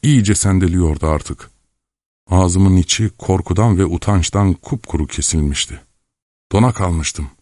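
A deep-voiced man narrating a novel in a measured, steady way. The recording is dry and close, with no room sound. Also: dry recording. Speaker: audiobook narrator. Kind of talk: scripted narration.

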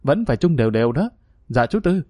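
A man reading an audiobook, voicing an older, gruff male neighborhood boss who speaks bluntly. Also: medium pitch, big pitch swings, quick pace, warm tone, dry recording.

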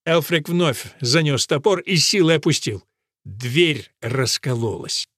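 A man reading an audiobook in a steady, even storytelling manner. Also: a little high, a little slow, no echo, studio quality. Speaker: audiobook narrator. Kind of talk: scripted audiobook narration.

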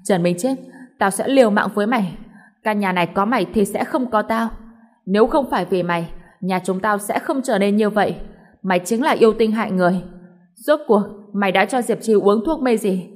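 A woman's voice: mid-range voice, fairly quick, darkish tone, close to an everyday voice. A woman voicing a scheming older mother-in-law who shrieks, wails and curses. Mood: furious. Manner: shrieking, wailing and cursing.

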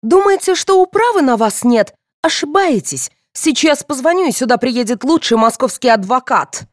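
A woman voicing an indignant, quarrelsome middle-aged mother in an audiobook, with shrill protests. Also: animated, moderate pace, darkish tone, no room sound, clean studio sound, close to an everyday voice. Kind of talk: audiobook character voice.

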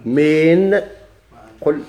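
A man's voice: fairly high pitch, extremely slow, dark tone. A man with a Moroccan Arabic accent teaching a grammar lesson, asking his class questions and answering them himself while he repeats the key points.

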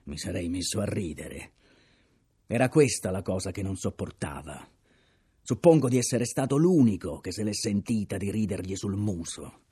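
A man's voice: low-pitched, animated, moderate pace, dark tone, breathy edge, exaggerated voice. A man voicing a delirious, unhinged first mate who shrieks and jeers. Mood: bitter scorn. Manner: shrieking, jeering.

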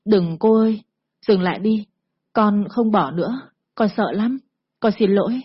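A woman's voice: medium pitch, a little slow, slightly rough, dry recording, lo-fi sound. Woman doing a timid, frightened young woman. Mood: pleading. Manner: timid, polite, pleading.

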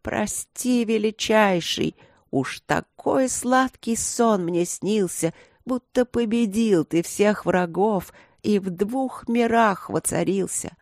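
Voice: mid-range voice, no echo, studio quality, voice pushed up. A reader putting on a wailing ancient priestess. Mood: fawning. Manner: pleading, wheedling, slow drawn-out wailing. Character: ancient bloodthirsty wailing old priestess woman.

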